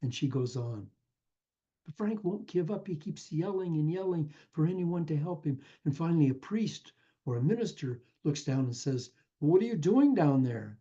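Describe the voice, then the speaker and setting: A man's voice: on the high side, lively intonation, moderate pace, mellow, husky, lo-fi sound. A man giving an earnest inspirational talk, telling a parable and calling the listener his friend. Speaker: spiritual speaker.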